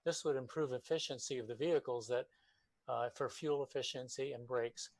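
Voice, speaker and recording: A man's voice: medium pitch, fairly even intonation, a little mellow, no room sound, rough recording. Man calling in to a meeting, dry sound. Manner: halting, many fillers and restarts. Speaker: public commenter for a neighborhood association. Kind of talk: public comment at a city meeting. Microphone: remote call-in.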